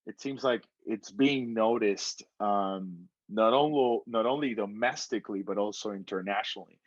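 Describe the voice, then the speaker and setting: A man's voice: fairly low pitch, normal speed, no room sound. Man hosting an interview, dry dull sound. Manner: asks long, winding questions. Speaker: interviewer and show host. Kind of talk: casual interview.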